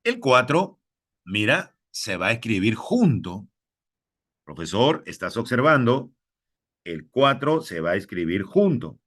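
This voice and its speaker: A man's voice: mid-range voice, very animated, unhurried, a bit bright. A man with a Peruvian Spanish accent teaching a lesson, addressing fellow teachers and repeating each key point.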